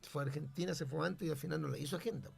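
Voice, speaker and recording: A man's voice: on the high side, very fast, gravelly, darkish tone, slightly rough. A man, a pastor and radio host, telling a testimony in an emphatic, preacherly way. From Chile.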